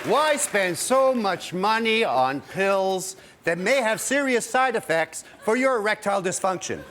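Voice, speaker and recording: A roaring studio crowd surrounds a man acting a mock-earnest commercial salesman. He has a high voice and delivers a parody hard-sell pitch. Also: expressive, a little slow. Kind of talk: improvised comedy parody commercial. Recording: loud audience noise, live studio show.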